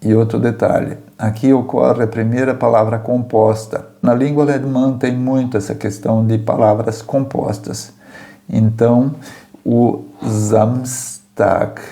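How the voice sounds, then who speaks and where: A man with a dark, medium-pitched voice and vocal fry gives a German pronunciation lesson. He patiently repeats words and checks in with "tá?" and "certo?"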